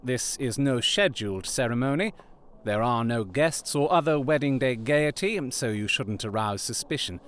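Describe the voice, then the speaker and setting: An actor as an animated, commanding Sherlock Holmes. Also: male voice, medium pitch, natural voice. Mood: grave, calculating. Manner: theatrical, deliberate, formal diction. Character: Sherlock Holmes, shrewd, commanding Victorian gentleman detective. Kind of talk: period audio drama acting.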